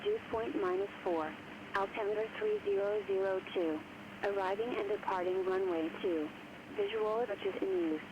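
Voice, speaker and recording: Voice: mid-range voice, fairly even intonation, normal speed. Automated airport weather broadcast voice on radio. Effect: automated airport weather broadcast over the radio. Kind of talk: flat recorded readout of weather and runway data. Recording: muffled radio broadcast with loud hiss.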